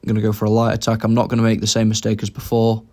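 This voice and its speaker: A man's voice: fairly low pitch, monotone, very fast, darkish tone. A young man giving casual commentary over his own game, thinking aloud about each move as he plays.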